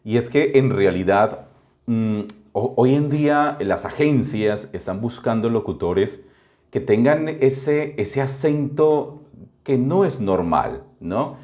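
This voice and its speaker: A man's voice: mid-range voice, animated, takes it slowly, darkish tone. A man hosting an interview, asking long questions with many hesitant restarts. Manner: hesitant, restarts before points. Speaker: interviewer host.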